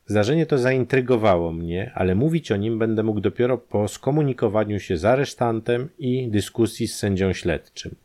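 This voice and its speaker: A man voicing a calm, matter-of-fact detective who asks measured, businesslike questions in an audiobook. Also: on the low side, close to an everyday voice.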